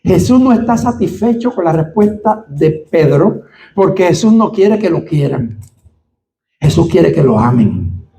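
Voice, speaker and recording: A man with a Puerto Rican Spanish accent preaching a sermon, speaking straight to his congregation with rhetorical questions and building to fervent, near-shouted peaks. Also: on the high side, sing-song, unhurried, creaky. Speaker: pastor.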